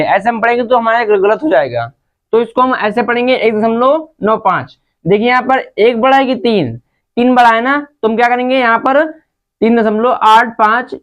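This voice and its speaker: A woman's voice: fairly high pitch, lo-fi sound. A woman teaching a maths lesson to children, patient and step by step, often calling out to the kids. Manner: patient, repeatedly addresses the children.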